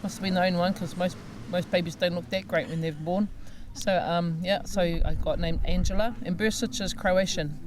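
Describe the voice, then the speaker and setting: A woman's voice: fairly low pitch, normal speed. A New Zealand woman, an art teacher, chatting casually in an interview with lots of ums. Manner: relaxed, chatty, with many ums and laughs. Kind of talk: casual chat. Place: outdoors at a crowded gathering. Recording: outdoor crowd noise behind. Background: crowd chatter.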